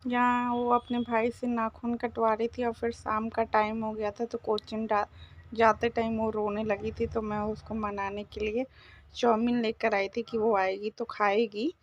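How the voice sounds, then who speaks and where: Flat-toned chatty woman vlogger. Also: fairly high pitch, a little slow, lo-fi sound. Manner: chatty, narrating daily life to viewers. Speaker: family vlogger. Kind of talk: casual vlog narration.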